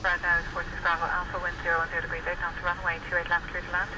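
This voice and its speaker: Very fast air traffic controller, noisy radio. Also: male voice, high voice, monotone. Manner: clipped procedural phraseology. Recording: very noisy, distant aviation radio feed.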